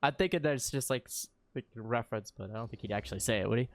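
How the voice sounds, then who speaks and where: A man commentating his game playthrough excitedly, laughing and swearing as he picks choices. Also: medium pitch, fast talker, no echo. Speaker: gaming streamer. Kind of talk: gaming commentary. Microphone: desk mic.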